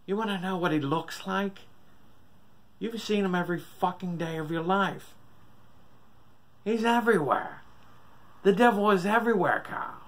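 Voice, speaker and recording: A man's voice: medium pitch, moderate pace, gravelly, fairly bright tone. A man voicing a sick old father gone mad with doom, preaching bitterly and profanely in a horror story reading. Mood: frenzied, shouting.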